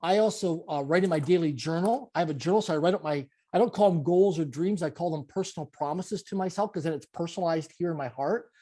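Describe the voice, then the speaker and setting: A Canadian man in his late forties, a guest in a conversational interview, speaks in emphatic, repetitive motivational phrases. His voice is a little high and mellow, and he talks fast with hardly any pauses.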